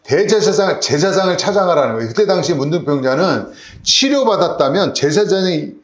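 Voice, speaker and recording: A man's voice: fairly high pitch, animated, a little fast, roomy sound. A man preaching a sermon as pastor, asking his congregation rhetorical questions. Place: church sanctuary.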